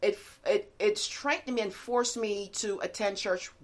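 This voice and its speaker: A woman speaks as a guest in a relaxed interview, telling her story of faith with earnest warmth. She talks in a loose, chatty way, leaning on fillers, and grows animated as she tells her stories. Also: medium pitch, unhurried. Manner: earnest, many fillers like "like" and "you know". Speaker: guest author. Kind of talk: conversational interview testimony.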